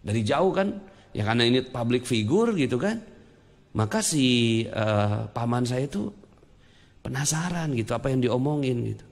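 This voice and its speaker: Male preacher, gravelly mid-range voice, earnest personal storytelling to the audience. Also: mid-range voice, lively intonation, moderate pace, pauses often. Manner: earnest storytelling, addresses audience as ladies and gentlemen. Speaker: religious teacher. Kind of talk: storytelling sermon. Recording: long reverb.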